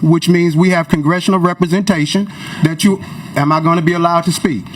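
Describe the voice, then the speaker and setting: In a government committee hearing room, a forty-year-old American man delivers impassioned public testimony into the hearing microphone. His voice is on the high side, steady in tone and fairly quick, and his manner is emphatic, confrontational and oratorical.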